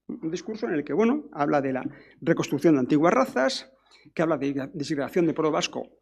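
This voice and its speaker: A man's voice: on the high side, gravelly, breathy edge. A middle-aged man giving a conference lecture, talking in a discursive way with frequent restarts and tag questions. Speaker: academic speaker.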